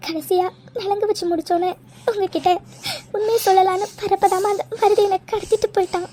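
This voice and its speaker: Cartoon daughter, young bride, very high and tearful, voiced by a woman. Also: steady tone, a little fast, warm tone. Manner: crying, pleading, stammering. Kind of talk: cartoon voice acting.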